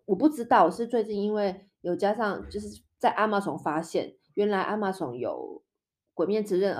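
A young woman from Taiwan hosting a podcast in a casual chat, explaining Spanish words through playful example dialogues. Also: mid-range voice. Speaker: podcast host teaching Spanish.

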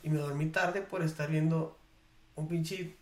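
A man with a Mexican accent in casual podcast chat, slangy and quick to laugh. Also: on the high side, steady tone. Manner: slangy, laughing, quotes people in acted voices. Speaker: podcast co-host. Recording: echoey room.

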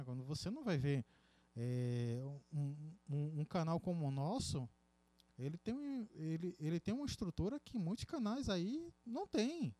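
A man's voice: on the high side, mellow, no room sound. A man co-hosting a podcast in casual chat, rambling with many restarts. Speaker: podcast co-host.

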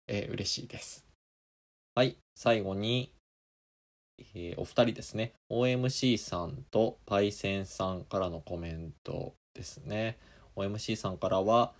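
Low gravelly guy from kansai, rambling podcast chat reading listener comments. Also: a little mellow. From Kansai, Japan. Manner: meandering, chatty, many small asides. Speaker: podcast host.

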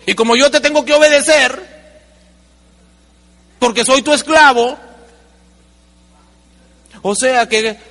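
A man giving an animated seminar talk as a motivational speaker, acting out little dialogues with humor. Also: very high-pitched, slow, pauses often. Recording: long hall reverb.

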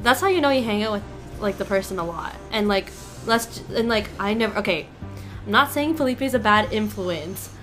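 A woman's voice: mid-range voice, lively intonation, brisk, a bit bright, faint music behind. A woman co-hosting a casual podcast chat, giggly and often breaking off mid-sentence. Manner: giggly, self-interrupting. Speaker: podcast co-host.

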